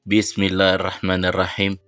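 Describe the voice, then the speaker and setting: A man with a Moroccan Arabic accent runs a mobile football game channel, narrating pack openings live. He chats with viewers as brothers, sighing out pious exclamations between bursts of excitement, in a low, smooth voice at a quick pace.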